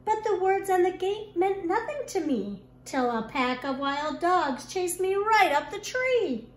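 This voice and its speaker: A kindergarten teacher with a very high voice reads a rhyming picture book to young children, expressive and deliberate like a storyteller. The room is echoey, with clear background noise.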